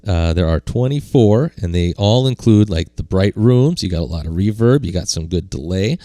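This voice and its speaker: Podcast co-host, man, very low voice, rambling casual delivery, dry audio. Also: lively intonation, normal speed, warm tone, no room sound. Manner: rambling, lots of "uh" and "like". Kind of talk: casual gear demo chat.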